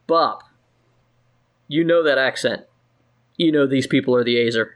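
A man's voice: mid-range voice, brisk. Male game master with mid-range voice. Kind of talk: improvised tabletop game narration.

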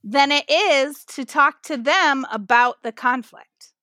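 A woman pastor, appearing as a guest on a podcast interview, tells stories animatedly and fills her speech with "like." Her voice is high and slow, recorded in clean studio sound with no echo.

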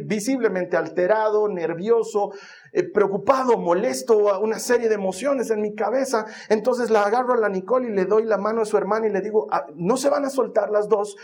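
A man's voice: high voice, darkish tone. A man preaching a sermon, telling a personal story and building emphatic, repeated phrases. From Bolivia. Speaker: pastor.

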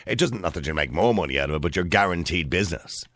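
An Irish man hosts a radio phone-in in a challenging, interrupting manner. His speech is quick with big swings in pitch, and the sound is dry and close. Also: expressive, creaky, a bit bright, no room sound. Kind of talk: debate with caller.

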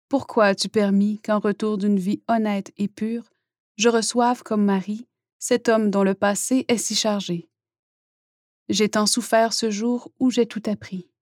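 A woman narrating an audiobook of a spiritual diary in the first person. Her reading is earnest and plaintive, at a middling pitch. The recording is dry and close. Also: a little mellow, no echo.

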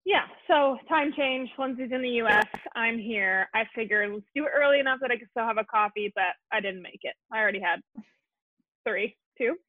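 A young woman from Colorado hosting a casual chat, talking quickly and poking fun at herself. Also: on the high side, no echo. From Colorado, USA. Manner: chatty, quick, self-deprecating. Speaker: podcast host. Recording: tinny phone-like call audio.

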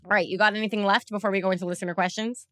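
A woman's voice: medium pitch, fairly even intonation, very fast, bright, forceful tone, dry recording, studio quality. A woman hosting a podcast in casual chat, blunt, joking and opinionated. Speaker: podcast host.

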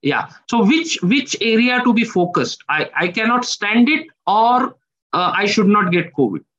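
Man with a high voice, halting and questioning therapist, dull lo-fi recording. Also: big pitch swings, sharp tone. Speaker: therapist presenting a case. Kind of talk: professional discussion. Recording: dull lo-fi sound.

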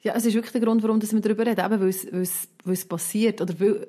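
A woman's voice: medium pitch, steady tone, rapid-fire, warm tone. A woman co-hosting a casual podcast, chatty and restarting her sentences often. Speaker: podcast co-host. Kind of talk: casual chat.

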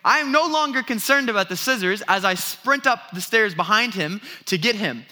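Animated, bright-voiced young pastor. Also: male voice, high voice, normal speed. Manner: animated storytelling with self-deprecating laughs and repeated restarts. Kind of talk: sermon.

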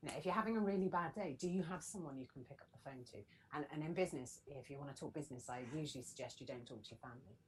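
A middle-aged woman, a business coach, chatting as a podcast guest in a lively, animated way. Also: sits low, rapid-fire, hardly any pauses, rough recording. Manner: chatty and animated, laughs often. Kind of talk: casual podcast conversation.

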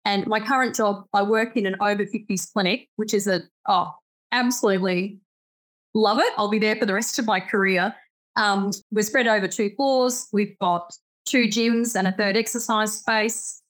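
A woman's voice: medium pitch, steady tone, moderate pace, a bit bright. A woman in her fifties with an Australian accent, a physiotherapist chatting as a guest in an upbeat way. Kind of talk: conversational interview.

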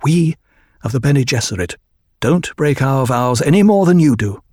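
A man voicing a proud, calm noblewoman in an audiobook reading, speaking in a measured, formal way. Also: medium pitch, breathy edge, dry recording, studio quality. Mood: solemn.

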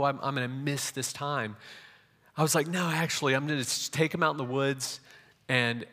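Brief: young male preacher, animated sermon storytelling, medium pitch, long church-hall reverb. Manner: animated, many restarts.

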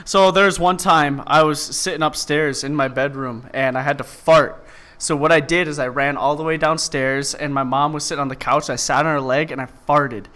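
A man's voice: a little high, fairly even intonation, normal speed, pushed and bright. A young man co-hosting a podcast, chatting casually and laughing often through crude banter. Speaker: podcast co-host. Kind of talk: casual chat.

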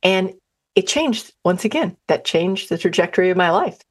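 A woman's voice: lowish voice, normal speed, slightly rough. A woman who guides outdoor trips, telling chatty personal stories in a self-deprecating way and acting out what people said. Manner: acts out quoted dialogue with lively voices. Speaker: outdoor adventure guide and trainer. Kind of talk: personal storytelling talk.

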